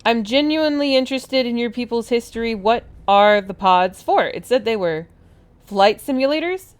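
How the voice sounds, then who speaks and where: A woman's voice: fairly high pitch, lively intonation, moderate pace, clean tone. A woman giving casual, playful commentary as she plays a game, reading dialogue choices and reacting aloud. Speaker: gamer playing through a game.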